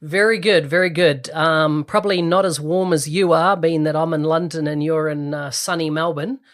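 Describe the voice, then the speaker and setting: A man's voice: fairly high pitch, steady tone, normal speed, a bit bright. A man hosting a podcast interview, chatty and upbeat as he asks questions. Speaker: podcast host. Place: London.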